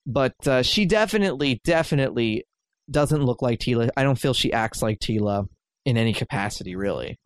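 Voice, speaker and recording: A man's voice: mid-range voice, lively intonation, fairly quick. A man hosting a podcast in casual chat, talking with lots of fillers and frequent laughs. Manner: chatty, laughs often, many fillers. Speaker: podcast host.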